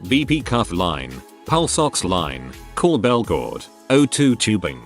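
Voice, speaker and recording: A man's voice: fairly low pitch, huge pitch swings, slow pace, soft background music. A man reading out humorous short anecdotes as scripted narration.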